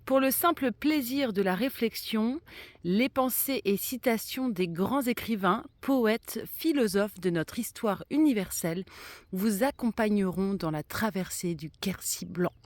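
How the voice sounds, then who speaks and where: A woman's voice: mid-range voice, measured pace, no echo. A woman with a slight lisp musing aloud in a casual vlog, talking to herself and viewers as she walks outdoors. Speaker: hiker vlogging her walk. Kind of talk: casual spoken vlog while walking. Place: outdoors on a country trail. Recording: clear background noise, outdoor walk.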